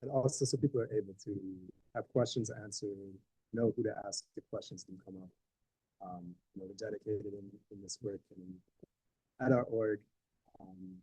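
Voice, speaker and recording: A man talking on his phone in a casual video call, loose and halting with many ums, his corrupted audio keeping dropping and cutting out. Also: lowish voice, warm tone, breathy edge, dry recording, low-quality recording. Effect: corrupted audio that keeps cutting out and dropping in level. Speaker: advocacy organizer giving updates.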